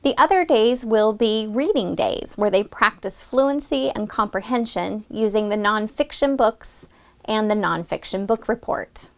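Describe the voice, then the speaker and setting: A woman teacher walks through a phonics lesson plan, then models it for students by stretching out the vowel sounds slowly and deliberately. Her voice is mid-range.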